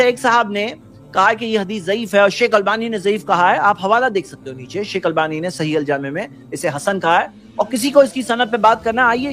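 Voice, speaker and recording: A man's voice: high voice, a bit bright. A man giving an earnest religious talk who keeps asking rhetorical questions and quotes Arabic before explaining it. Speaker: Islamic preacher.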